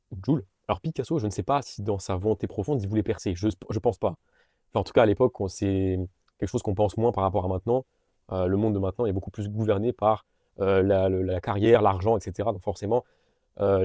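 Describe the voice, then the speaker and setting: A man's voice: lowish voice, warm tone, no echo, clean studio sound. A young man in a casual, earnest motivational monologue, speaking straight to the viewer with fillers and restarts. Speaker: vlogger and business coach.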